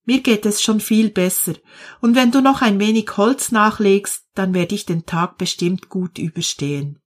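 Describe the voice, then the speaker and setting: A woman voicing a sick, lonely old woman in a storybook reading, speaking quietly and tenderly. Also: medium pitch, normal speed, lightly acted. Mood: hopeful.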